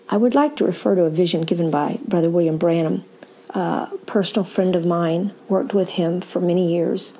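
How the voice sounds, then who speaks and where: An older woman evangelist teaching in a slow, deliberate podcast sermon, with occasional fillers. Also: lowish voice, dark tone, husky, rough recording.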